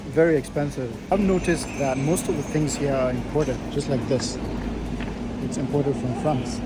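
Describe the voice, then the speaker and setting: A man talking casually to camera as a travel vlogger on location. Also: medium pitch. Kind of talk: casual on-location vlog talk. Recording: noisy location sound, traffic ambience.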